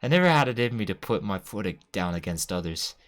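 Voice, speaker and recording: Man reading a gentle game club president: soft, low. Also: very animated, fast. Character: calm teenage girl club president.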